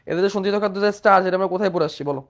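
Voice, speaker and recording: High-voiced biology teacher drilling students. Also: male voice, very fast. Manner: drills students with repeated questions and mnemonics. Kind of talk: online exam-prep lecture.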